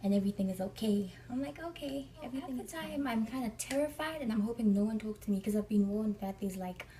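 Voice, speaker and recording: A woman's voice: medium pitch, fast, mellow, far from the mic, a little hiss or hum, rough recording. A young woman from Africa, chatting through a storytime vlog and acting out the people she quotes. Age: young adult. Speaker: vlogger.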